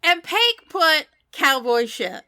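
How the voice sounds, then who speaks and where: A woman runs a trivia game on a podcast, reading each clue and giving the answers at an unhurried pace. Her voice is bright and a little higher than most. She laughs easily between rounds. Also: very animated. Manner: reads clues aloud and scores answers, laughing often. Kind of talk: casual podcast chat.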